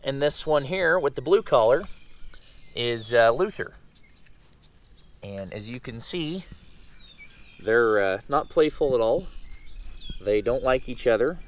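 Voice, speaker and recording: A truck owner and vlogger gives a casual update while his voice, slightly hoarse, is still recovering from being lost. He speaks in a folksy, halting, unhurried way with a mid-range, expressive voice.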